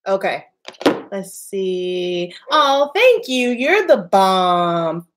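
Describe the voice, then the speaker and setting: Chatting casually on a livestream, a makeup artist from the American South speaks with medium pitch and a sing-song lilt. She sounds slightly congested and nasal, is emphatic, and laughs easily.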